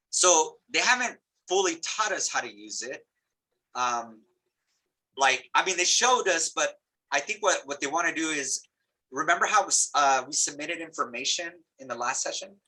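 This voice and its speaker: A man's voice: mid-range voice, pushed and bright, rough recording. A man leading a meeting on a video call, talking informally and rambling a bit with restarts. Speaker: meeting facilitator. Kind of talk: casual meeting talk.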